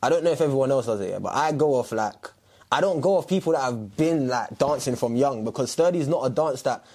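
A man's voice: medium pitch, animated, fast, a little mellow. Slangy South London man chatting. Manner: slangy, emphatic, repeats himself. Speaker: podcast guest, dancer. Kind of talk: casual chat.

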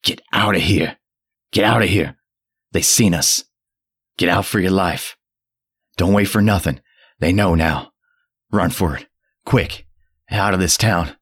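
A man voicing a terrified old drunk who rants in a shrill, cracking old voice and a rustic dialect. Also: unhurried, pauses often, husky. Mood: panicked. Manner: rustic old New England dialect, ranting. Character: terrified old male drunk, rambling and frantic.

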